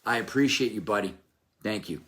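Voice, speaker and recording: A man's voice: fairly low pitch, brisk, fairly bright tone. A man who owns a painting business giving an earnest, polished video tribute to his mentor. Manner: earnest, polished, scripted-sounding.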